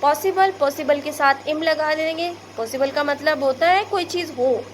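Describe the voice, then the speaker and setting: A woman's voice: high-pitched, normal speed, a little hiss or hum. A woman teacher with an Indian Hindi accent, patiently explaining word prefixes to young pupils, repeating each example. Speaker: school English teacher.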